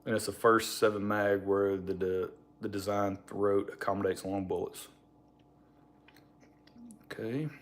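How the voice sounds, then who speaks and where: Man, fairly low pitch, mumbled marbles-in-mouth diction, rambling, informal livestream chat. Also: level tone, unhurried, long pauses. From Alabama, United States. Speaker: livestream host.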